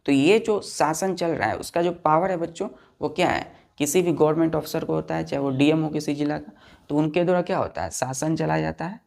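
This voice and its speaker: Guy teaching vocab for entrance exams, kinda gravelly, keeps repeating words and asking if it's clear. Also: on the high side, fairly even intonation, a little fast, a little mellow. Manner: explains patiently, repeats key words and checks understanding; spells words out letter by letter. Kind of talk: exam-prep lesson.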